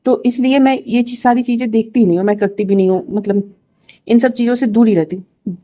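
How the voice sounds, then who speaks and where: A woman's voice: on the high side, quick pace, mellow. A young woman chatting casually to her followers in a rambling vlog, with fillers, restarts and exasperated asides. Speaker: vlogger. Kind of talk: casual chat to camera.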